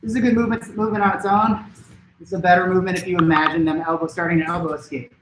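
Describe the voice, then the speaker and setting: A man teaching a martial arts class at home, giving brisk step-by-step coaching cues to follow along. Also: sits high, flat delivery, roomy sound, noisy background. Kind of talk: live-streamed class instruction. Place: home training room.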